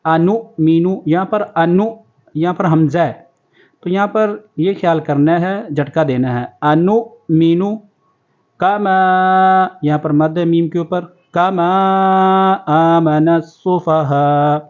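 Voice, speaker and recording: A man with a high voice leads a Quran recitation lesson. He chants each verse slowly and stretches it out, then switches to fast, plain explanations. The recording sounds dull and lo-fi. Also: a little mellow. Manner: slow drawn-out recitation, then quick spoken explanations. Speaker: Quran teacher.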